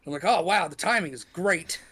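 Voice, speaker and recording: A man chatting casually as a player in a tabletop game, excited and stumbling over his words. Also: high-pitched, a little fast, noisy background. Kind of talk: casual chat.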